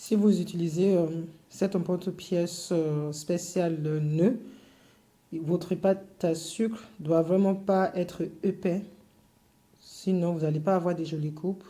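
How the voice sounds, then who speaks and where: A woman with an English accent teaching a step-by-step cake decorating tutorial, explaining patiently in detail and often pausing on filler sounds. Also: fairly low pitch, steady tone, dark tone. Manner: hesitant, full of filler sounds.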